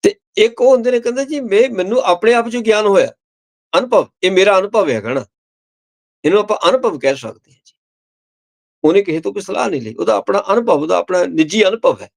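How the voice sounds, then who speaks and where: A man, a Sikh preacher, explaining scripture line by line. He chants verses slowly, then explains them plainly, repeating key words and addressing listeners with "ji". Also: high voice, animated, vocal fry.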